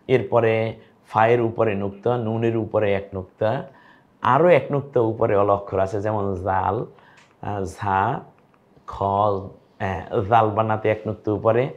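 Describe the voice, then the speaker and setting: A man's voice: fairly low pitch, lo-fi sound. A man teaching in a recorded online lesson, patiently asking questions and then answering them himself. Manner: patient, asks and answers his own questions. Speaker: Quran teacher.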